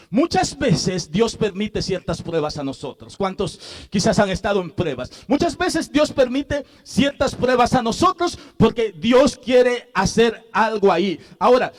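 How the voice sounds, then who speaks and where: A male pastor preaching a sermon, asking the congregation questions and repeating verses. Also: extremely high pitch. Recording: long hall reverb.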